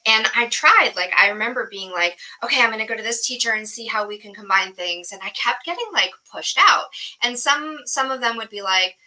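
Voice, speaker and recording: A woman guest on a podcast, telling a story in an animated way with lots of fillers and quoted dialogue. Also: on the high side, fairly quick, poor audio. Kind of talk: storytelling in conversation.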